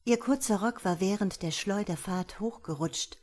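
A woman reading an audiobook excerpt in a calm, measured storytelling voice. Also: mid-range voice. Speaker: audiobook reader. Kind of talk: scripted audiobook narration.

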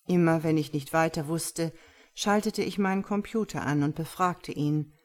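A woman reading a story aloud in the first person, calm and even. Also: low-pitched, moderate pace. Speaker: audiobook narrator. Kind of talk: scripted narration of a story.

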